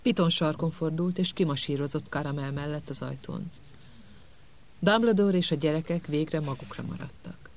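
A man giving a measured, scripted audiobook narration. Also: on the high side.

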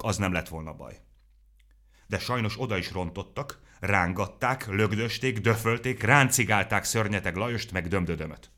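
A man reading a children's story aloud in a playful, animated way. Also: deep voice.

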